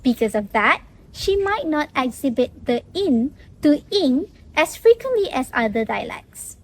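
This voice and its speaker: A woman's voice: high voice, big pitch swings, unhurried, rough recording. A young woman student presenting a scripted lesson on English pronunciation in a careful, explanatory way. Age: young adult. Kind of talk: scripted educational narration.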